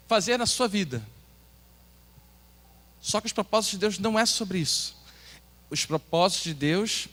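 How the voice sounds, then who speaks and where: A Brazilian pastor with a Brazilian Portuguese accent, preaching an earnest sermon and asking the congregation questions. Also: male voice, sits high, fairly bright tone. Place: church hall. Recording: long hall reverb.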